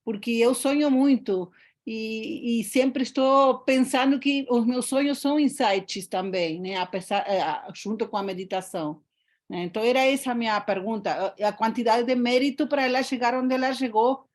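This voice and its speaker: Hesitant apologetic woman, higher voice. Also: normal speed. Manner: hesitant, apologetic, many restarts. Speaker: study group participant. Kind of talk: online group chat.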